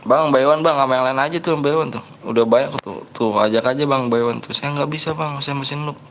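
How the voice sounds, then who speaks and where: Male streamer, Betawi Jakarta accent, average pitch, casual and talkative, polite lecturing tone, faint night insects in the background. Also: fairly quick, a bit bright, slight background noise. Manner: chatty, reads viewer comments aloud, lectures rude viewers on politeness. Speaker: live game streamer. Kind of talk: casual live stream chat.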